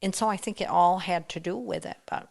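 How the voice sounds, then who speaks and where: An older woman as a podcast guest, talking casually in a halting way, often trailing off and restarting. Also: fairly low pitch, vocal fry. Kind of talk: casual interview chat.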